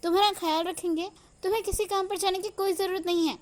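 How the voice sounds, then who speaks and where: A woman's voice: very high voice, fairly even intonation, quick pace, voice pushed up. A woman voicing a protective middle-aged mother who scolds and fusses. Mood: scolding. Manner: scolding, fussy.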